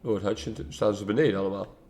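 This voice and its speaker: A man's voice: on the low side, fairly even intonation, quick pace, a little mellow. Casual Dutch man commentating a game. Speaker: let's play host.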